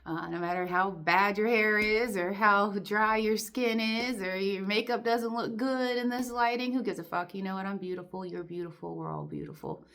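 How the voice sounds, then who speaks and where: Woman in her 40s vlogging to camera, candid and a bit emotional, lots of ums, average pitch. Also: expressive, moderate pace, few pauses, a bit bright. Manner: candid, emotional and defiant, with frequent fillers and restarts. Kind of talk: casual to-camera vlog.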